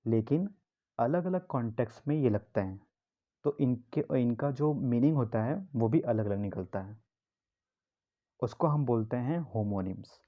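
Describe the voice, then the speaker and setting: A man's voice: mid-range voice, lively intonation, unhurried, highs cut off. A man teaching vocabulary in a classroom style, asking his own questions and repeating key words to explain them. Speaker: English teacher.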